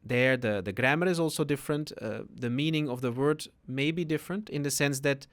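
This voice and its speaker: A man's voice: mid-range voice, a little fast. A man, a guest spiritual teacher explaining things patiently on a podcast, often tagging his sentences with a questioning "no?". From Netherlands.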